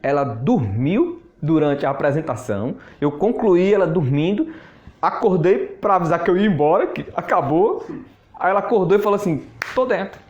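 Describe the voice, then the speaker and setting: A man's voice: on the high side, lively intonation, moderate pace, a little mellow, lo-fi sound. A man, a network marketing mentor telling a story in a casual, chatty way, often laughing and repeating words. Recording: echoey room.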